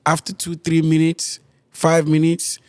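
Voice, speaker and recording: A man's voice: a little high, completely flat delivery, measured pace, darkish tone, dry recording. A man in his thirties hosting a podcast in casual, joking chat, laughing often. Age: 30s. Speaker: podcast host.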